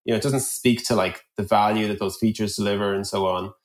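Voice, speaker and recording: In a roomy, echoing recording, a podcast guest who works as a product executive reasons aloud at length in conversation, working through examples. He talks fast in a lowish voice with fairly even intonation.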